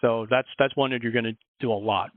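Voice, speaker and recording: A man's voice: mid-range voice, steady tone, fast, dry recording. Man, Philadelphia accent, librarian, chatty rambling explainer, phone-like sound, dead dry. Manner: chatty, rambling, self-correcting. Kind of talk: online workshop presentation. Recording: dry, tinny phone-like audio.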